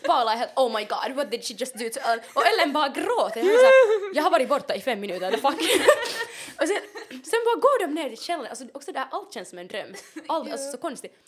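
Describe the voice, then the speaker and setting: A young woman with a Finland Swedish accent co-hosts a podcast, chatting with plenty of filler words and English asides. Her voice sits high, and her pitch bounces all over as she retells what happened. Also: sing-song, hardly any pauses. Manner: chatty, heavy use of fillers like liksom, mixes in English. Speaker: podcast co-host. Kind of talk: casual chat.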